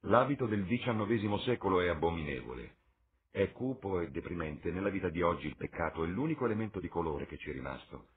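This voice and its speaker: A man voicing a witty, cynical aristocratic gentleman for an audiobook, speaking in a languid, epigrammatic, theatrical way. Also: deep voice, lively intonation, quick pace. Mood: cynical playful. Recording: tinny lo-fi with faint hiss.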